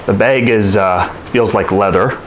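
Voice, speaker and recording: A man with a low voice talks through a home product review in a blunt, frank and slightly exasperated way. The recording has a faint hiss of background noise behind him. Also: unhurried. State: out of breath after punching. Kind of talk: casual product review vlog. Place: home room with hardwood floor.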